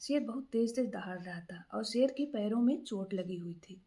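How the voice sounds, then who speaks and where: A woman's voice: medium pitch, normal speed, warm tone. A woman casually telling a moral story aloud, unscripted, with frequent fillers and restarts.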